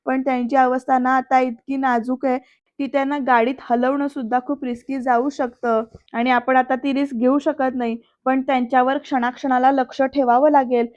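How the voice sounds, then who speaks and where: A serious male doctor explains slowly and gravely, voiced by a woman narrator. The delivery is steady and measured. The recording is dry and muffled. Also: sits high, dry recording, natural voice.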